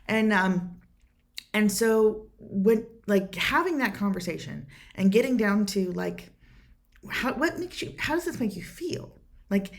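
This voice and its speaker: Earnest woman with a gravelly voice. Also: medium pitch, expressive, measured pace. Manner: earnest, rambling with many fillers and restarts. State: choked up with emotion at times. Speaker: podcast host answering a listener question. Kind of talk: casual personal monologue.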